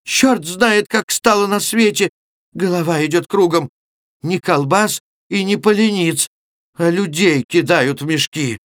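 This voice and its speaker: A man's voice: sits high, measured pace, fairly bright tone, no room sound, studio quality, pitched above the performer's own voice. A man doing a panicky superstitious weaver. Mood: frightened. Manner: alarmed exclaiming.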